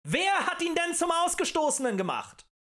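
A man voicing a fiery male demagogue who rants and shouts at a tavern crowd in an audiobook. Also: very high voice, sing-song, normal speed, pitched above the performer's own voice, heavily acted. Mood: ranting. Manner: ranting, shouting, rhetorical and accusing.

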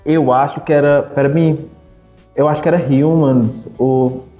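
A man with a mellow, slightly high voice chats casually about concerts, full of easy slang. His sound is roomy and a bit dull, like a home call mic, with faint music behind. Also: a little slow. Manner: relaxed, slangy, enthusiastic. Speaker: podcast co-host. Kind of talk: casual chat. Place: remote video call.

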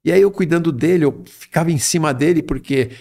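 Gravelly middle-aged man telling a story. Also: on the high side, brisk, mellow. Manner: rambling, tags phrases with "né?". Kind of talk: casual storytelling.

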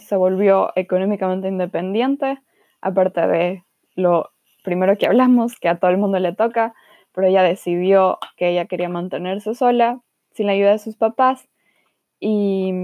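A woman's voice: medium pitch, no room sound, phone-quality sound. A young woman from Ecuador hosting a casual podcast, talking reflectively with fillers about living on her own as a student. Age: young adult. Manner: reflective, talks with many fillers. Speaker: podcast host. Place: Germany.

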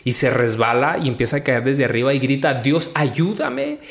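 Man telling a lively faith story. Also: mid-range voice, fast talker. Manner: animated storytelling, quotes his own prayers. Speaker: devotional podcast host. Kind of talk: conversational testimony.

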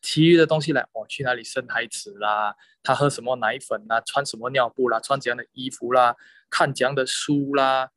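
A Singaporean man talks casually in Singlish, sliding between English and Mandarin with local particles. His pitch is mid-range and his phrasing halting. The sound is very dry. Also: steady tone, fairly bright tone, dry recording. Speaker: podcast guest. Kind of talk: casual chat.

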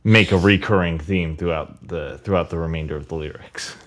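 A man's voice: low-pitched, fairly quick, a bit bright. A man co-hosting a songwriting session, chatting casually with hesitant, stammering restarts. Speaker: songwriter co-host. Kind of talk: casual chat while songwriting.

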